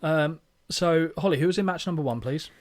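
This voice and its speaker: A man co-hosting a casual podcast chat, his voice sitting a little high for a man. He talks in a sarcastic, joking way, drops swear words freely and keeps throwing in asides. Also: fairly quick. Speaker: podcast co-host.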